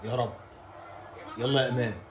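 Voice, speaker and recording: A young man with an Egyptian Arabic accent, reacting live to a football match with exasperated exclamations and shouts at the players. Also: mid-range voice, moderate pace, a crowd in the background. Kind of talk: excited live reaction commentary.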